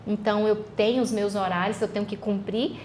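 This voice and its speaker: A woman's voice: mid-range voice, little pitch movement, fast, darkish tone, slight background noise. A woman with a Brazilian Portuguese accent, a podcast guest sharing a personal faith testimony in an earnest, reflective way.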